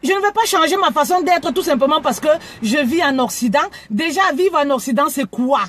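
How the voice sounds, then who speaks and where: Woman, from Cameroon, live stream host, frank, stammers and repeats words, high voice. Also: lively intonation, brisk. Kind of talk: casual live video talk.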